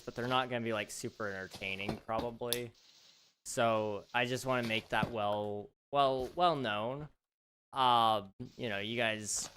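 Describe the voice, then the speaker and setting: There's background noise behind this medium-pitched man hosting a relaxed gaming livestream. Chatty and meandering, he leans on fillers, and his voice gets a little strained as he starts to crack.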